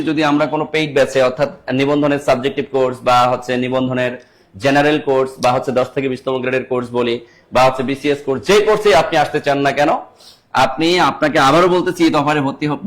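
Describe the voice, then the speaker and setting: Fast-talking man announcing a course offer. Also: a bit bright. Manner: brisk sales pitch. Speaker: course promoter. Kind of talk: promotional announcement.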